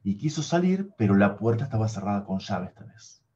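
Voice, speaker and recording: A man telling a fairy tale aloud, animated, with sound effects and little tag questions. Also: on the low side, a little fast. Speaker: storyteller. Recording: dull lo-fi recording.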